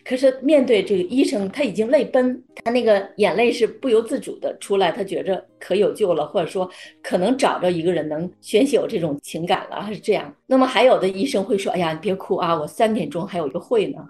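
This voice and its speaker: Middle-aged woman, animated explainer. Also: mid-range voice, fairly quick, faint music behind. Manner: animated storyteller acting out doctors and patients. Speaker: oncology psychologist guest. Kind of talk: conversational explanation.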